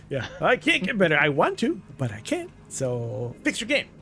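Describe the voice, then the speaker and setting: A man's voice: high-pitched, huge pitch swings, unhurried, a bit bright, faint music behind. A man chatting casually during a co-op game, laid-back, trailing off and laughing now and then. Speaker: co-op gaming partner. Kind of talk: casual gaming chat.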